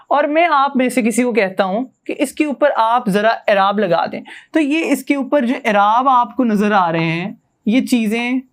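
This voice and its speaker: A young man from Pakistan, a university student, giving a classroom grammar lesson and patiently explaining with rhetorical questions. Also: very high-pitched. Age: young adult. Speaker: student teacher.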